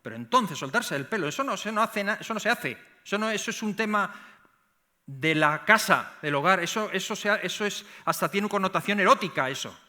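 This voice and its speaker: A middle-aged man with a Spain Spanish accent preaching a sermon in church, animated, often repeating words and rising to emphatic peaks. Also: sits high, a little fast. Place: church sanctuary.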